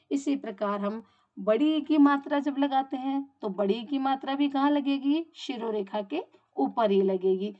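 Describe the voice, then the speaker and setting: Woman teacher, fairly high voice, methodical lesson delivery with self-answered questions, muffled lo-fi recording. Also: a little mellow. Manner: explains step by step, asks and answers her own questions; draws out example words slowly. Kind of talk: Hindi grammar lesson. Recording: dull lo-fi audio.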